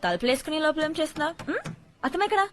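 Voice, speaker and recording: A woman's voice: high-pitched, big pitch swings, rapid-fire. An actress playing a chatty young woman who nags and teases her fiancé. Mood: nagging. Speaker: hero's fiancée.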